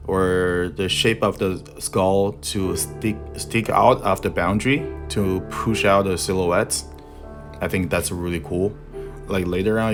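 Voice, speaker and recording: In this voice-over, a tattoo artist and art instructor walks through his tattoo design process. He is young, male and deep-voiced, a native Mandarin speaker whose Chinese accent shows as he pauses and searches for the right words in a language that isn't his first.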